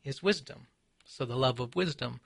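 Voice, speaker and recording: A man from Seattle, an author and poet being interviewed, who speaks in a measured, reflective way with frequent pauses and ums. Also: medium pitch, vocal fry, a crowd in the background. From Seattle, USA. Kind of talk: thoughtful conversational interview.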